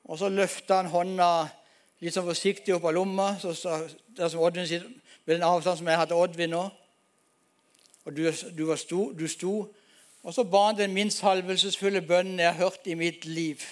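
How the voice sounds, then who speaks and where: High-voiced man preaching a testimony. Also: flat delivery. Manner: storytelling, emphatic, addresses congregation as folks. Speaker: pastor. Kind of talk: sermon testimony.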